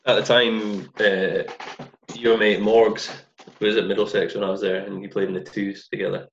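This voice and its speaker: Laid-back man, low voice, muffled. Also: flat delivery, normal speed, a little hiss or hum. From Scotland. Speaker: cricketer guest. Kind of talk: casual podcast chat. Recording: dull, muffled sound.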